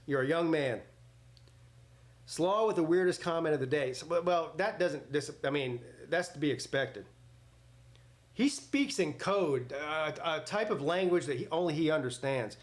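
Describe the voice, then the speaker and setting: Hosting a live sports watch party, this forties-aged man talks at a moderate clip in a slightly high voice. He rambles between casual banter and play-by-play, blunt and jokey throughout.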